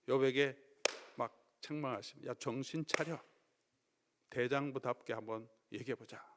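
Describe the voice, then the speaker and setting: A man preaching a sermon as pastor, swinging from loud emphatic peaks to quiet asides. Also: medium pitch. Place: church sanctuary. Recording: long reverb of a church hall.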